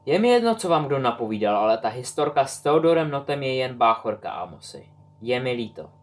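Man voicing a tired, guarded grown wizard, curt, low, audiobook. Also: big pitch swings, lightly acted. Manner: firm, curt.

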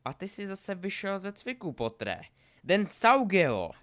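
A man's voice: medium pitch, very animated, fairly bright tone. A man voicing a sneering, hot-tempered adult male wizard in a storybook reading, taunting and biting. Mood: taunting, shouting.

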